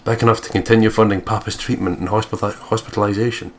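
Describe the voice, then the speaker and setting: A let's play commentator with a fairly low, steady, fast voice reads a game's text aloud as he plays, throwing in sweary, jokey remarks. He giggles and puts on mock quotes, and there's a slight hiss or hum on the recording.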